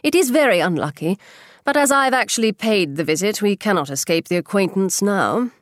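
A woman voicing a dry, wry older gentleman in an audiobook, speaking low and quietly. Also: animated, a little fast, no echo, natural voice.

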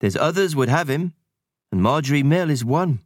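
A man's voice: a little high, expressive, moderate pace, no echo, studio quality, voice pushed up. A man voicing a mischievous invisible male sprite who gossips in a rustic country dialect. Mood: gossipy.

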